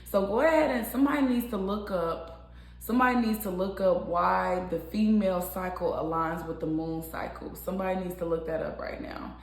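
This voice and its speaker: A woman's voice: medium pitch, steady tone, normal speed, roomy sound. A woman giving a casual spiritual tarot reading, talking animatedly and repeating herself, often breaking into laughs. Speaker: tarot reader.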